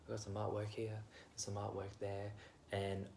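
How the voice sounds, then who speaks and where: A man's voice: on the low side, monotone, normal speed, gravelly, darkish tone, slight background noise. A young man vlogging at home, giving his candid opinions in a rambling, self-deprecating way. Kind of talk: casual opinion monologue.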